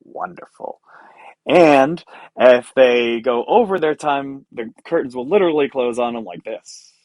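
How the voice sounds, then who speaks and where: At a remote online conference, a male host introduces the speakers with enthusiasm. His voice is medium-pitched and a little mellow, his pace measured, and there's no echo.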